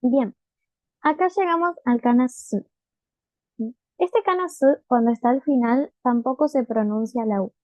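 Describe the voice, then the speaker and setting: Woman teacher, patient, step-by-step, slightly high voice, dry phone-like sound. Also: a little slow, a little mellow, no room sound. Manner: patient, checks in with students often. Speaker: Japanese teacher. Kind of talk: online writing lesson.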